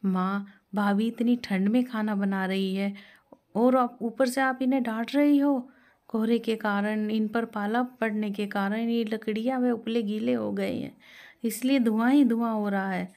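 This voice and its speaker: An earnest, kind young sister-in-law, as a woman storyteller puts her on, pleading and protective. Her voice rides a little higher than the narration, with a warm, mellow tone. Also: steady tone, a little slow.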